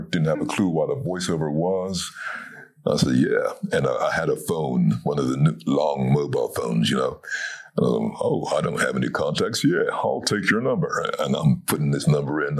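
A middle-aged man from Barbados with a deep, gravelly voice, telling a long story in a relaxed conversation and acting out the people in it. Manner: animated, acts out the voices of people in his story. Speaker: guest, voice actor.

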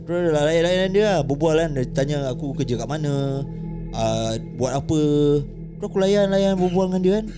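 Podcast co-host: man, Singaporean accent, slightly high pitch, informal anecdote style over music. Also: lively intonation, fairly quick. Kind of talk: casual chat, storytelling.

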